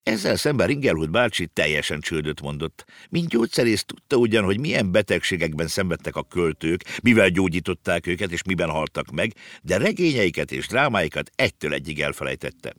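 A man narrating an audiobook with lively storytelling. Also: deep voice, hardly any pauses, no room sound, clean studio sound.

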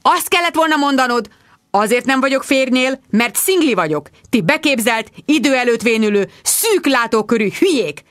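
A woman's voice: sits high, lively intonation, fairly bright tone, dry recording, clean studio sound, pitched above the performer's own voice. A woman voicing a young female friend who rants in a fiery, emphatic way. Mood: ranting. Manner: emphatic, raised, ranting.

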